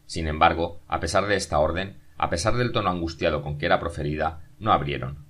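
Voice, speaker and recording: A man narrating a novel as an audiobook, in a steady, measured reading. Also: low-pitched.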